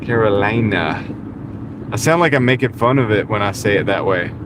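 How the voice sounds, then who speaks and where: This man's voice is on the low side and moves at a moderate pace. He drives for deliveries while chatting casually on a livestream, greeting viewers and chuckling often, recorded in his car on the road through a small wireless clip-on mic with road noise in the background.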